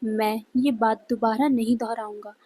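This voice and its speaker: A woman voicing a cold, dominating male alpha wolf leader in a husky, slow-spoken fan-fiction reading. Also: on the high side, fairly even intonation, dark tone, rough recording.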